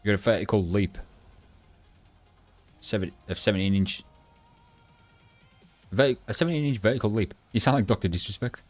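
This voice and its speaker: Blunt, rambling man, very low voice. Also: darkish tone, soft background music. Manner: blunt, rambling, halting restarts. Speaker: gaming livestreamer. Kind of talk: rambling casual chat to a live chat.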